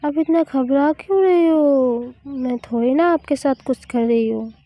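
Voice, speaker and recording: A woman's voice: high-pitched, measured pace, warm tone, no echo. A woman voicing a playful young college woman who teases her girlfriend. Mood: teasing. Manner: teasing, playful.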